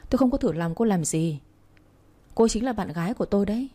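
A woman's voice: mid-range voice, animated, fast, mellow, lightly acted. A woman reading the lines of a cold, arrogant young man in a spoken romance story, in a curt and dismissive manner.

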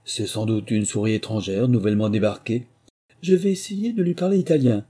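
A man's voice: lowish voice, brisk, mellow, slightly rough. A man voicing Alice, a curious and polite young girl, in a storybook reading, with a raised, eager and pleading tone. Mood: thoughtful.

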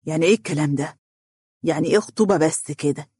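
A man playing a calm, measured middle-aged father with an Egyptian accent. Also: fairly high pitch, no room sound, studio quality. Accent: Egyptian Arabic.

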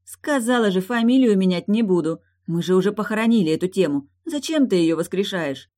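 A woman's voice: mid-range voice, lively intonation, dark tone, voice pushed up, lightly acted. A woman voicing a stubborn, teasing young wife and new mother in an audiobook, raised well above her own voice. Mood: exasperated. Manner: quick-tempered, teasing.

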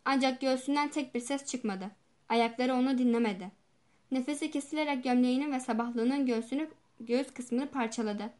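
Brief: woman audiobook narrator, high pitch, steady measured storytelling. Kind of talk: scripted narration.

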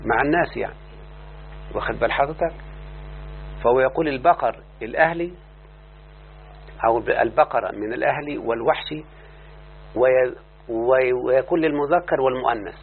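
A man's voice: medium pitch, creaky. A man with an Egyptian Arabic accent teaching a class, constantly quizzing his listeners and prompting them to answer. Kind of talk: classroom lesson. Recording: tinny lo-fi recording with faint hum.

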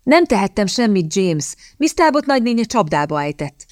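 A woman's voice: mid-range voice, big pitch swings, a little mellow, no echo, studio quality, pitched above the performer's own voice, natural voice. A woman reading the part of a young army captain who complains defensively, then offers reassurance.

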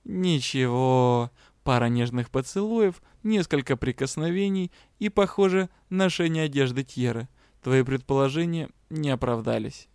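A man's voice: medium pitch, normal speed, smooth, no echo, studio quality, lightly acted. Man playing a stern female academy captain. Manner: sharp, commanding.

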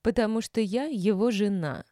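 A woman voicing a brash, rude young woman of about twenty-five in a storybook reading, higher and louder than her narration, indignant and shrill. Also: moderate pace, dry recording, clean studio sound, lightly acted.

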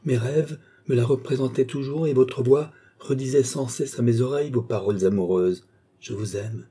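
A man voicing a shy young woman in an audiobook, speaking softly and in a hushed way. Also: mid-range voice, moderate pace, breathy edge, voice pushed up, lightly acted. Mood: tender. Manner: soft, hushed. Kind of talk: audiobook character voice.

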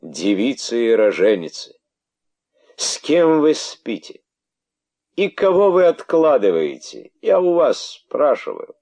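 A man reading aloud as an old, pompous python king who declaims his outrage loudly and theatrically. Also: high voice, very slow, clear, resonant tone, voice pushed up. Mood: indignant ranting.

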